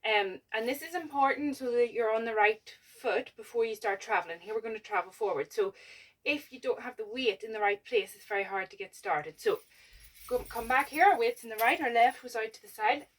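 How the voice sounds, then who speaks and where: A woman's voice: on the high side, fairly quick, recorded from a distance, poor audio. A woman teaching a dance lesson step by step, chatty and encouraging, a little out of breath. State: slightly out of breath.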